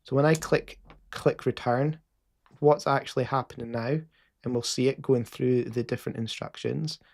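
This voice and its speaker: A Scottish man talks through a live coding session in a loose, casual way, full of fillers and restarts. His voice has a gravelly, creaky edge at a middling pitch. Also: fairly even intonation, moderate pace, darkish tone. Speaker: host.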